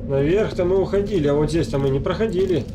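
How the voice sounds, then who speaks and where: This let's play host talks fast in a slightly high voice, giving casual commentary that's half muttered to himself and half aimed at his audience. Game audio and noise run under the recording.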